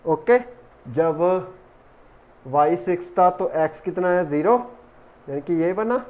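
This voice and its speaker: Slow-talking male math tutor. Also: fairly high pitch, animated, a little mellow. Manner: talks while working, counts terms aloud. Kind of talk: step-by-step math lesson.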